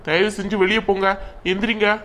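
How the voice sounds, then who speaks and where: A woman's voice: mid-range voice, level tone, brisk, fairly bright tone, natural voice. A woman voicing a stubborn, curt young husband in a cartoon, ordering people out. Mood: angry. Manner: curt, commanding.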